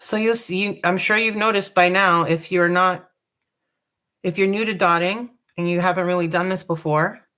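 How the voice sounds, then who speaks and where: A woman hosting a live dot painting tutorial, chatty and relaxed, joking about her own nerves. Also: fairly low pitch, normal speed. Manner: chatty, relaxed, self-deprecating. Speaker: craft tutorial host.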